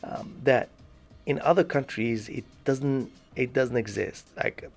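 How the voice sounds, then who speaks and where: A man from Morocco co-hosting a podcast, talking in a thoughtful, halting way with many restarts. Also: mid-range voice, soft background music. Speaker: podcast co-host. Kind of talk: casual discussion.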